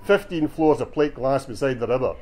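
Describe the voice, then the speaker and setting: A man reading at a bookshop takes on the character of a cheeky, stocky older Glasgow man, a joker with a broad dialect, spinning a boastful tale. His medium-pitched voice is a little fast, a little mellow and close to everyday speech.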